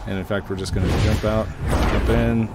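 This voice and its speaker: Here the late-thirties gaming YouTuber sounds fairly low-pitched and flat, talking at a moderate pace. Still chatty and self-mocking, he rambles about his gameplay into a headset mic from a desk at home. The recording is very noisy.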